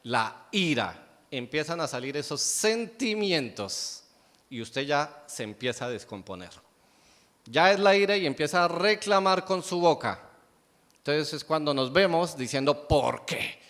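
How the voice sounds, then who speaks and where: A man's voice: fairly high pitch, expressive, measured pace, a bit bright. A man preaching a sermon as pastor, firing rhetorical questions at the congregation and answering them himself. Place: church sanctuary. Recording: long church hall reverb.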